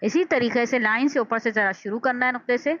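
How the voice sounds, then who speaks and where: Woman teacher slowly sounding out letters. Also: fairly high pitch, fairly bright tone. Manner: sounds out syllables slowly and deliberately. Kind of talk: slow step-by-step alphabet lesson. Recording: dull lo-fi dry recording.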